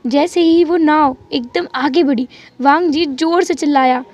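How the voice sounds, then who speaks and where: A woman telling a fan fiction story in an animated, dramatic way. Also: sits high, unhurried, lo-fi sound. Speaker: channel storyteller.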